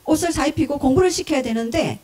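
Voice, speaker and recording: A woman pastor preaching a sermon, telling parables in an animated way, acting out short voices and asking the congregation questions. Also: high voice, fast talker.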